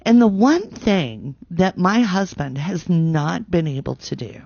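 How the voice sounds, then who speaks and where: A woman hosting a radio show, chatting casually and telling stories in an animated, conversational way. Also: lowish voice, measured pace, creaky, husky, no room sound, highs cut off. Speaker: radio host. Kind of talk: casual on-air interview chat.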